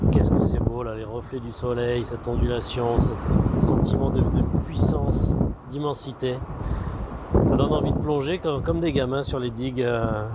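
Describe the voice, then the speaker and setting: Man by the sea, loud wind noise. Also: medium pitch. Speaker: old friend leaving a voice message. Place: outdoors on a seafront.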